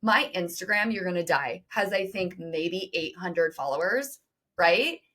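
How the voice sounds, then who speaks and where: A woman guest on a podcast interview, talking emphatically and directly to listeners, with quick bursts of speech. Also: fairly low pitch, expressive, pushed and bright. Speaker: podcast guest, business co-founder. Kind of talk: energetic interview talk.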